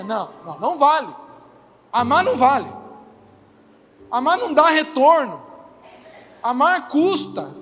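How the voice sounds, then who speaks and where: A male pastor preaching a lively sermon to his church, acting out the people he quotes. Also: very high voice, slight background noise. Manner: animated, acts out quoted people in small voices. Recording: reverberant church hall with faint music.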